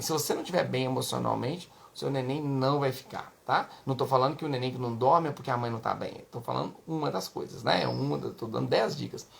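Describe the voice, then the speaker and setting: Creaky-voiced Brazilian doctor giving advice. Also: male voice, mid-range voice, fairly bright tone. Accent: Brazilian Portuguese. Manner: chatty, peppered with tag questions. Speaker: pediatrician giving parenting advice. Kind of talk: casual advice talk.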